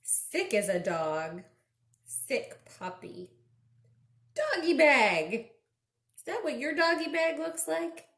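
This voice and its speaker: Her voice is high-pitched and a bit bright, swinging widely in pitch as she reads slowly and pauses often. She's a children's librarian reading aloud expressively to small children and prompting them with simple questions. The indoor recording is roomy and echoing.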